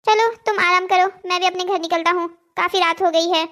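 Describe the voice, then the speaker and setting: A guilty, sneaky husband from a cartoon family drama, played by a woman. The voice sits very high for a man and keeps a pleading, slightly defensive edge. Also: fairly even intonation, brisk, pushed and bright. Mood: coaxing. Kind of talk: Hindi cartoon voice acting.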